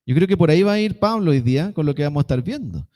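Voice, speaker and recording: A man's voice: a little high, animated, very fast, a little mellow. A young man with a Chilean Spanish accent preaching a sermon, telling a personal story in a casual, slangy way.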